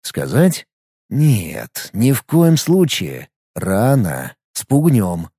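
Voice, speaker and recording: A man reading a novel aloud as an audiobook narrator, in an expressive storytelling way. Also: fairly low pitch, drawn-out words, slightly rough, no echo, clean studio sound. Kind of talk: scripted narration.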